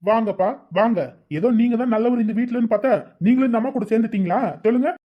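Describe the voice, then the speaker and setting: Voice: mid-range voice, fairly even intonation, quick pace, lo-fi sound, natural voice. A performer voicing a defiant young man in a cartoon, talking back to his parents in an argumentative way.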